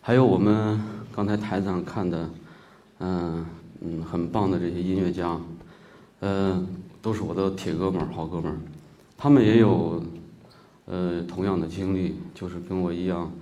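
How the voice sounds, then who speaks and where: Echoey hall sound. Male musician, mellow low voice, halting informal stage delivery. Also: fairly even intonation. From Xi'an, Shaanxi, China. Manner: halting, pausing often. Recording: echoey hall, distant mic, faint noise.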